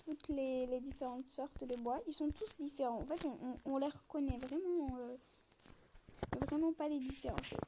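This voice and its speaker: A young woman casually commenting on a game texture pack at night, speaking softly and half-whispering, with many fillers and restarts. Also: high-pitched, fairly even intonation, moderate pace. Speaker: gamer showing a texture pack. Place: bedroom at night. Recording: noisy home recording.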